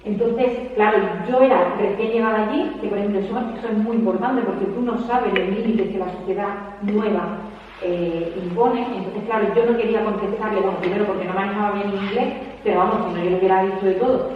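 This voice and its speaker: Spanish woman, speaker at a book presentation, rapid and animated delivery, long hall reverb, echoey room. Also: medium pitch, slight background noise. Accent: Spanish from Spain. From Spain. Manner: animated, rapid, peppers speech with tag questions. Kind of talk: conversational talk to an audience. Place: large hall at a public event. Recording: echoey hall, distant mic, dull sound.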